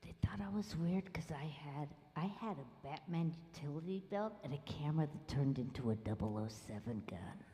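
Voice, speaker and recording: A woman singer-songwriter telling wry, self-deprecating autobiographical stories with hushed asides in a live musical revue on a small club stage. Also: sits low, expressive, moderate pace, few pauses, in a large hall.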